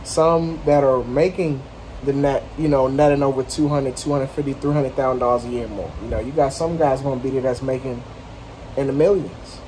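A man's voice: medium pitch, steady tone, brisk, mellow. Man, casual vlog talk, rambling with fillers and slang, outdoors at a house, faint ambient noise. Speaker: junk removal business owner vlogging.

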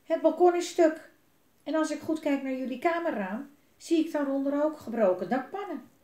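A woman doing a furious shouting father. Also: high-pitched, moderate pace, voice pushed up, close to an everyday voice. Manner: shouting, stamping, scolding. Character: furious strict father, a village alderman. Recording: roomy echo.

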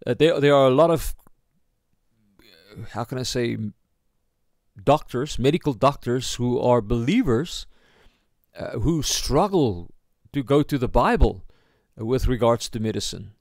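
A South African pastor teaches like he's giving an informal sermon, his medium-pitched voice expressive with a gravelly creak, recorded dry without room echo. Halting, he frequently searches for the right word and corrects himself.

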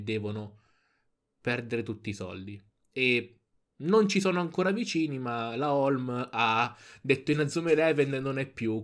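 A young adult man giving casual reaction commentary on a headset mic. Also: medium pitch. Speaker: reaction video creator. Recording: video audio and music behind.

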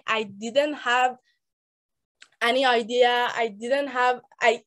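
Woman, 19, Persian-accented English, somewhat high-pitched; earnest, halting storyteller on a video call. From Afghanistan, raised in Iran. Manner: earnest, halting, with many restarts. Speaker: speaker on a mentorship call. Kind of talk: personal story talk on a group call. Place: indoor room. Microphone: laptop webcam on a video call.

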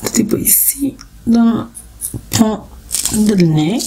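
A woman's voice: medium pitch, lively intonation, slow pace, mellow, a little hiss or hum. A woman with a Spanish accent, a beauty vlogger chatting playfully through a makeup tutorial with cheerful exclamations.

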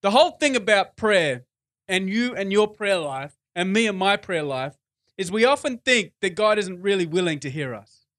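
A man's voice: high-pitched, lively intonation, moderate pace, a bit bright. A man preaching a sermon in church, conversational, repeating phrases for emphasis. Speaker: pastor.

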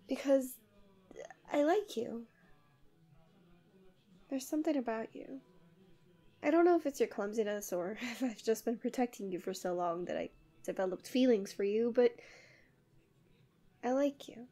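Speaking in a slightly high voice, a woman voices a guardian angel, tender and possessive, who is in love with a human. In this intimate ASMR roleplay her speech is soft, soothing and often breathy, with a confessing, exasperated mood.

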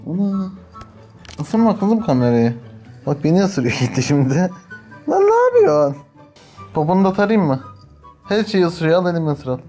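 Playful man scolding a puppy, slightly high. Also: lively intonation, normal speed, long pauses, dark tone, soft background music. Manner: playful, laughing, teasing scolds at a biting puppy. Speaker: vlogger playing with his new puppy. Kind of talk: casual home vlog chat. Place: at home indoors.

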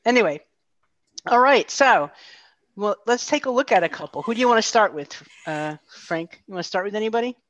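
A woman's voice: mid-range voice, expressive, moderate pace, no room sound. A middle-aged woman co-hosting a casual chat over a video call with a headset, talking in a friendly way with lots of fillers. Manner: chatty, friendly, filler-heavy. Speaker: co-host. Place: home room. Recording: dull, dry video call audio.

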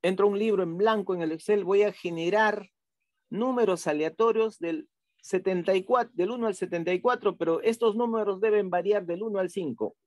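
A man teaching an online class, patiently walking through software steps, repeating himself and checking in with tag questions. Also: high voice, a little fast, no echo, studio quality.

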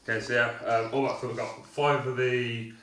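This young man's medium-pitched, fairly bright voice barely moves in pitch as he rambles at a moderate pace through a fitness video diary, full of fillers, in his small home kitchen. The camera sits across the room, so the sound is echoey and noisy.

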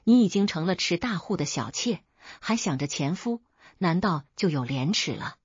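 A woman's voice: on the low side, animated, moderate pace, husky, dry recording. A woman voicing a sly, lecherous male night watchman in a storybook tale, speaking with a leer. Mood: sneering. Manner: leering, sneering. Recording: dull lo-fi dry recording.

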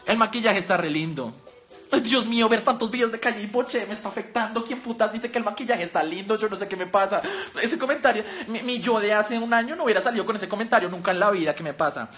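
A young woman with a Colombian accent doing a casual reaction commentary, chatty and teasing, full of slang and quick laughs. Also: medium pitch, a bit bright, soft background music. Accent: Colombian Spanish. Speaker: youtuber.

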